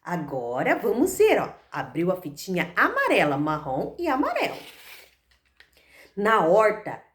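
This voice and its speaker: Teacher lady talking to little kids, high voice swooping all over, slow and sing-songy. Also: fairly bright tone. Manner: slow, exaggerated, sing-song talk to small children. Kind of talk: online class for young children.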